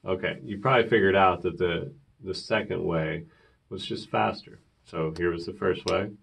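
A man's voice: low-pitched, normal speed, vocal fry, fairly bright tone, slightly rough. A man teaching a beginner piano lesson, counting rhythms aloud and asking viewers to repeat after him.

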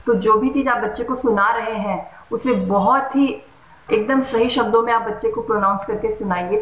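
A woman explaining step by step how to teach young children at home, sounding out letters slowly and clearly. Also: mid-range voice, fairly bright tone. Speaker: home teaching guide for mothers. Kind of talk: friendly how-to lesson for parents. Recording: echoey room.

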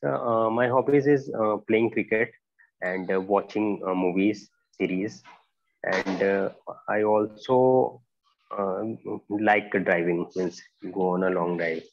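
A young man giving halting, deferential answers as a candidate in a job interview. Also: fairly low pitch, fairly even intonation, gravelly. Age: young adult. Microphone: earphone mic on a video call. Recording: dull lo-fi video call audio.

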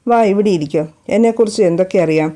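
A woman voicing a kind, joking young husband in a storybook reading, speaking softly and affectionately. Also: sits high, fast talker, lightly acted. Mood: tender. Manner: soft, affectionate.

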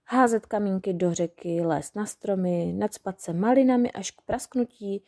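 A woman voicing a timid, well-behaved young fairy girl who talks in halting bits. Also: medium pitch, dark tone, natural voice. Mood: eager. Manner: hesitant, halting.

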